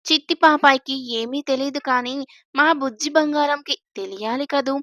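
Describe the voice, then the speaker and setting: A cheeky young new mother from a spoken family storybook, as a woman narrator plays her, joking and teasing in a high, bright voice. The sound is close and dry. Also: normal speed, dry recording.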